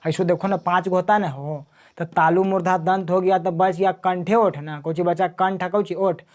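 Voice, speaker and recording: A man's voice: high-pitched, fairly even intonation, moderate pace. A man teaching a grammar lesson, repeating sounds and answering his own questions in drills. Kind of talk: classroom grammar lesson with call-and-response drills.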